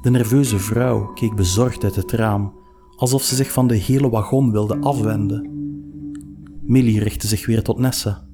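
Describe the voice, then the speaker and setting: A man calmly reading a story aloud as narrator, with faint music underneath. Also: lowish voice, unhurried. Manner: calm, even storytelling.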